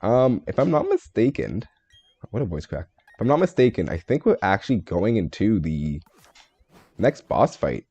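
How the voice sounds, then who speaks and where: Male streamer, low mellow voice, casual running commentary, dry and slightly muffled stream audio. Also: no room sound. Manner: thinks aloud, answers chat, joking and self-deprecating. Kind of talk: live gameplay stream commentary.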